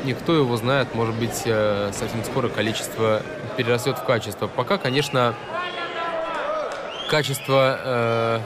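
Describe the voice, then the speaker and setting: A man from Russia giving live MMA commentary in halting phrases. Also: mid-range voice, fairly even intonation. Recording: loud crowd and venue noise behind.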